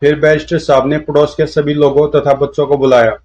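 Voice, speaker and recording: A man's voice: a little high, flat delivery, brisk, a little mellow. A man reading a comic book aloud as narrator. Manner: plain storytelling delivery. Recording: dull lo-fi audio.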